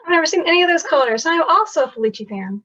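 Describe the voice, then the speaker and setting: A woman's voice: very high-pitched, animated, fast talker, fairly bright tone. A woman co-hosting a casual chat about knitting, heard over a video call and chatting in an easygoing way. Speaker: podcast co-host. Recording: dull lo-fi video call audio.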